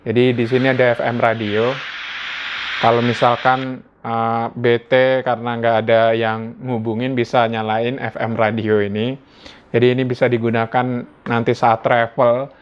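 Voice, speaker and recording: In a dull, lo-fi recording made indoors at home, a smooth, medium-pitched Indonesian man reviews a gadget hands-on. He talks casually and informally, almost like he's thinking out loud.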